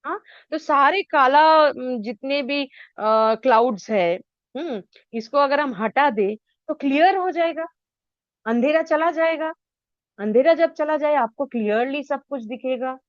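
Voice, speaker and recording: Woman teaching spiritual healing, unhurried, fairly high voice, dry and slightly muffled sound, repeats words for emphasis. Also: no room sound. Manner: mixes English phrases into Hindi, repeats words for emphasis. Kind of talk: unscripted teaching talk.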